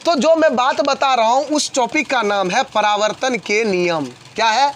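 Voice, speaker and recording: A man leads a classroom physics lesson at a quick clip. He repeats each point and keeps throwing questions at his students to answer in chorus. Faint traffic sounds carry in from outside. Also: very high-pitched, fairly bright tone. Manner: fast, repetitive call-and-response questioning. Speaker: coaching class teacher.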